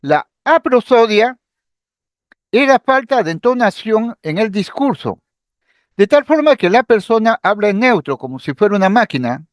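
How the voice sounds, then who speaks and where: A man giving a psychiatry lecture, explaining patiently, with lively intonation and an occasional filler or restart. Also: high voice, normal speed, no room sound, studio quality. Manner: explanatory, acts out patient speech examples. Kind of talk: recorded medical lecture.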